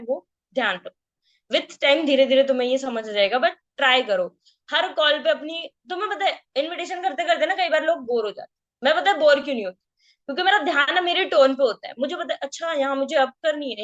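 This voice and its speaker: A woman's voice: high-pitched, fairly bright tone, muffled recording. A woman leading an online training meeting, addressing her team casually and swinging her tone up and down on purpose. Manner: addresses listeners casually as guys. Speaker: network marketing trainer. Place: home at night, neighbors nearby. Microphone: online meeting call.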